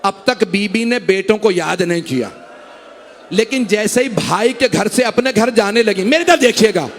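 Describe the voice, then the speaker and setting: A cleric from Pakistan preaching a mourning sermon in a gathering hall, in a sorrowful, impassioned way. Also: male voice, high-pitched, lively intonation, normal speed, a little hiss or hum. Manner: sorrowful, impassioned delivery that rises into cries. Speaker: Shia cleric preaching a majlis.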